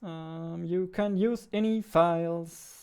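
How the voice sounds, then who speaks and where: Seated at his desk in a small room, a stream host in his 20s talks casually as he codes his indie game, close to a boom-arm studio mic. He speaks slowly and steadily, his pitch on the high side and his tone darkish and clean.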